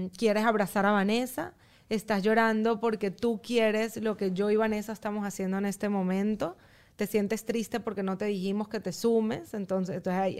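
A woman guest on a podcast, speaking calmly and in a measured way as she explains her parenting approach step by step. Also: medium pitch. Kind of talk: casual chat.

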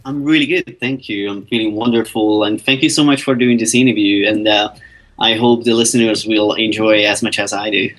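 A man, a guest answering interview questions in a friendly, relaxed way, thinking aloud as he talks. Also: on the low side, moderate pace, poor audio. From Hungary. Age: 20s.

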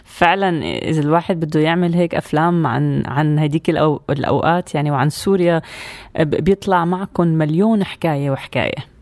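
A woman with a Syrian Arabic accent co-hosting a show in casual, chatty storytelling, often pausing to think aloud. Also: sits low, darkish tone, dry recording. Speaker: co-host of a show about Syrian towns. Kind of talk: casual conversational storytelling with co-host.

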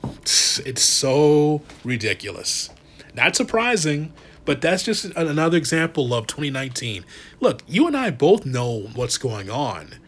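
A man's voice: on the high side, normal speed, slightly rough. Sarcastic man ranting about wrestling. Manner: sarcastic, exasperated, animated. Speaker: wrestling commentator. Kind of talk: casual opinion monologue.

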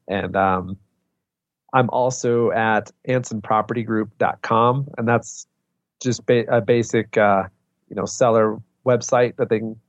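A man's voice: medium pitch, dry recording. A man chatting casually as an interview guest, on slightly lo-fi audio. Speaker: podcast guest, real estate investor. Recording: slightly dull lo-fi connection.

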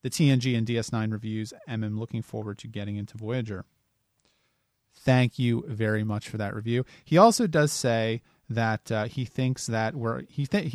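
A man's voice: lowish voice, no echo, studio quality. Chatty man co-hosting a podcast. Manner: plain, chatty, reads listener reviews. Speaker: podcast co-host. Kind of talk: casual podcast chat.

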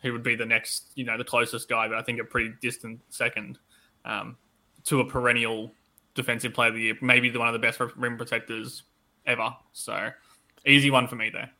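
A man's voice: mid-range voice, flat delivery, fairly quick, sharp tone. A man co-hosting a casual sports podcast with analytical, conversational talk, his voice affected by tonsillitis. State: tonsillitis-affected voice that comes and goes. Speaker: podcast co-host.

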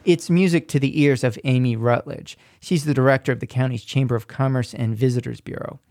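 A man narrating a scripted radio feature report in a measured, descriptive way. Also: medium pitch, fairly even intonation, darkish tone, slight background noise.

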